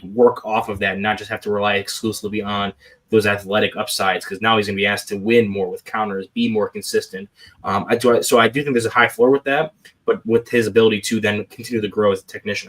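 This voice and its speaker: A man co-hosting a draft podcast, explaining a prospect in long run-on sentences with fillers. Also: on the low side. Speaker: podcast co-host. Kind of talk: podcast scouting talk.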